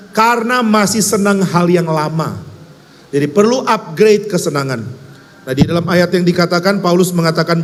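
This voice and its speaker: Man from Indonesia, preacher, fairly high voice, long hall reverb, emphatic storytelling. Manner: lively storytelling, wry and emphatic. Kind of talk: conversational sermon.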